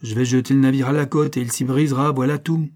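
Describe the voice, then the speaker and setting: A man's voice: medium pitch, fairly even intonation, quick pace, darkish tone, voice pushed up, lightly acted. A man voicing a tired ship captain who speaks firmly. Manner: firm, commanding.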